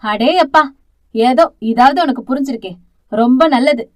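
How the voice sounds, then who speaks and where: Brief: woman playing brash young sister, quick retorts, high bright voice, dry. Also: dry recording, lightly acted. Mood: defiant.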